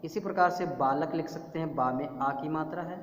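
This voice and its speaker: A man teaching a young class, slowly spelling out syllables and repeating each word. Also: fairly high pitch. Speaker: primary school teacher. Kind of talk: slow classroom lesson. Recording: echoey room with long reverb.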